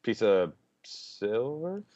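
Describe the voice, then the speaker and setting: A man playing in a tabletop game over a call, asking quick questions and stumbling over words. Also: lowish voice, sing-song, warm tone, no echo, lo-fi sound. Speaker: player. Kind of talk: casual gaming chat.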